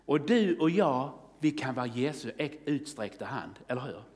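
A man's voice: mid-range voice, expressive, a little mellow. A man preaching a sermon, telling a testimony story in a fervent, exclaiming way and calling out halleluja. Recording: long reverb of a church hall.

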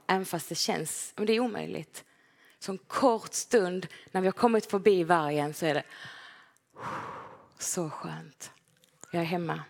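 A woman preaching a gentle, personal sermon in a church, now and then acting out short quoted lines. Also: lowish voice, vocal fry. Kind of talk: conversational sermon. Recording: long hall reverb.

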